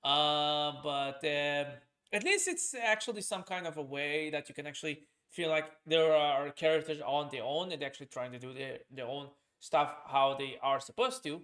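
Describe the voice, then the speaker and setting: A man's voice: a little high, normal speed, few pauses, fairly bright tone. Rambling man with a raised voice. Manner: rambling, many fillers and restarts. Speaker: streamer and podcast host. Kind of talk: casual chat.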